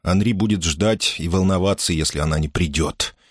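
A man reading an audiobook aloud in an expressive, dramatic style. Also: sits low, moderate pace, breathy edge, no echo, studio quality. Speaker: audiobook narrator. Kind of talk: scripted audiobook narration.

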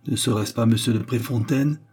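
A man's voice: medium pitch, moderate pace, a little mellow, slightly rough. A man reading aloud, voicing a moody, sarcastic young man who questions insistently. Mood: sarcastic probing. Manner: insistent, half-ironic questioning.

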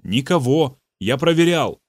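A man voicing a shaken, irritated husband who snaps back curtly, close to shouting. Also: mid-range voice, lively intonation, a little slow, no room sound. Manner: irritated, snapping.

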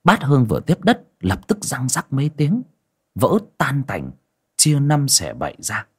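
A man, reading a village story as an expressive audiobook narrator. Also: mid-range voice, unhurried, slightly rough.

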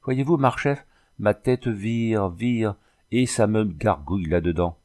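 A man's voice: on the low side, takes it slowly, a little mellow. A man reading an audiobook, voicing a seasick, whiny, deferential old soldier. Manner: whining, hiccuping, hangdog.

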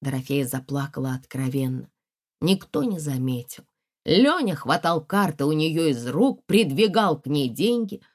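A woman reading a story aloud in an expressive storytelling way. Her voice sits low but moves with lively swings of pitch. She narrates in steady audiobook style. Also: unhurried.

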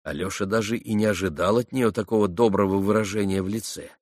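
A man narrating a literary audiobook in a measured, earnest manner. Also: fairly low pitch, a little mellow, no room sound, studio quality.

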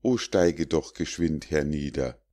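A sly old fox who flatters his way toward his prey, sweet-talking in a storybook fable, voiced by a man. The voice sits low and moves slowly. Every word is honeyed and ingratiating. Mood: wheedling.

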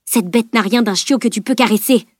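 A woman's voice: fairly high pitch, a little fast, no echo, studio quality, lightly acted. A woman voicing a stern swordsman barking orders. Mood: urgent. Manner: sharp, urgent commands. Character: stern male swordsman, commanding and protective.

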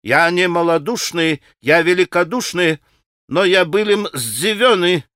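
A man voicing a haughty, touchy Polish gentleman who speaks Russian with a Polish accent in an audiobook. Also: sits high, measured pace, no room sound, studio quality, voice pushed up. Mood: pompous indignant. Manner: pompous, haughty, indignant.

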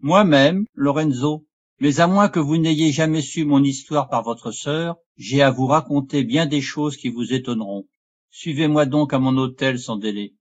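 A man reading an audiobook, voicing a proud young marquis who speaks with haughty challenge in a husky voice. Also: mid-range voice, unhurried, muffled recording, natural voice.

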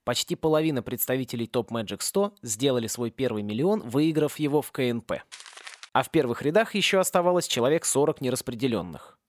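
A man narrating a satirical fantasy audiobook in a lively, wry storytelling manner, on a close mic. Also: mid-range voice, brisk, no room sound. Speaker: audiobook reader.

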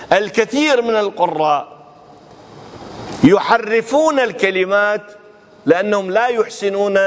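A man with a rather high voice teaches religious oratory in a televised lecture. He is emphatic and acts out pronunciations to show the difference between them. His voice rings through a long hall reverb over a faint bed of noise. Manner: emphatic, demonstrates pronunciations aloud.

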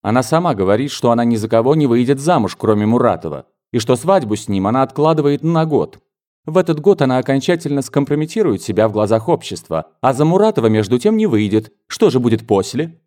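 A man reading an audiobook, voicing a proud, easily angered elder sister who speaks in sharp, indignant outbursts. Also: mid-range voice, sing-song, quick pace, voice pushed up, close to an everyday voice.

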